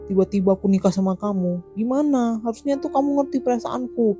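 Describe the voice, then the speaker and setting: Cartoon drama: woman playing a husband pining for his ex, mellow tone. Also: on the high side, quick pace, soft background music, close to an everyday voice. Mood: defensive. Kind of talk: animated drama voice acting.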